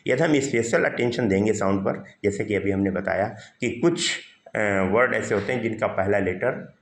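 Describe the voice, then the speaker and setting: A man's voice: lowish voice, normal speed. A male English teacher giving a grammar lesson, explaining step by step and asking his students questions that he then answers himself. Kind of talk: classroom grammar lesson in Hindi. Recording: roomy echo.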